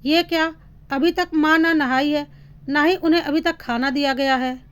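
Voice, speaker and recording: A woman voicing a sharp-tongued young daughter who scolds her sister-in-law in an indignant way. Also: high-pitched, fairly even intonation, normal speed, natural voice.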